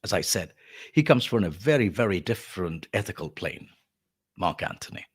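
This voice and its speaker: A male voice artist giving a spoken lesson on vocal delivery, explaining in a lively way with quick asides. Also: low-pitched, husky.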